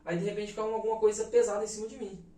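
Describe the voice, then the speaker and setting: A Brazilian man in his thirties, a podcast guest, telling a personal story in an animated, emphatic way full of slang fillers. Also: sits high, very fast. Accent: Brazilian Portuguese. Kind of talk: casual storytelling. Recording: roomy echo, mic at a distance.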